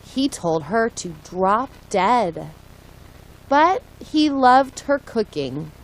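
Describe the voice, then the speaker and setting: Very slow-reading woman. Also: a little high, big pitch swings, poor audio. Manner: clear, deliberate phrase-by-phrase reading. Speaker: English lesson reader. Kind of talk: slow read-aloud for learners.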